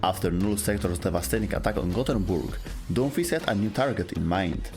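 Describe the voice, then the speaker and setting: Over faint background music, a low-voiced man narrates scripted lore a little fast. His storytelling is dramatic and clipped, with very lively intonation.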